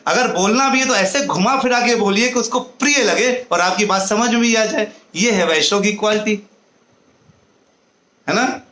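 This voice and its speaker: A man giving a devotional discourse in a high, bright voice, moving between storytelling and chanted verses. The room is echoey. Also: normal speed. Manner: tells parables and chants mantras, with a light laugh. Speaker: preacher.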